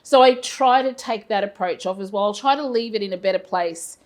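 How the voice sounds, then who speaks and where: A woman's voice: mid-range voice, a little fast. An Australian woman in her fifties, a business owner answering interview questions in a rambling, self-deprecating way with many fillers. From Brisbane, Australia. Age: 50s. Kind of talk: casual interview chat.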